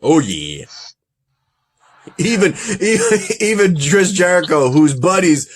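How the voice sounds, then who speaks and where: Animated, chatty male podcast host. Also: a little high, slow pace. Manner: animated, laughing, reads results aloud. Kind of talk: casual review chat.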